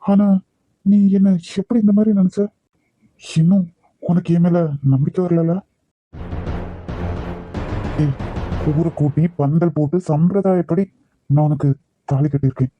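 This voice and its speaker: A man's voice: a little high, steady tone, a little slow, long pauses, phone-quality sound, faint music behind, natural voice. A man voicing an earnest, possessive young husband in a cartoon love story. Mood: insistent. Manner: earnest, insistent, emotional.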